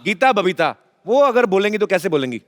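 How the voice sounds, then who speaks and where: Playful high-voiced male talk show host. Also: sing-song, fairly quick. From Punjab, India. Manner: teasing, playful, chuckles while talking. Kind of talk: joking stage banter with guests. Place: TV studio before a live audience. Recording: studio audience laughter and noise.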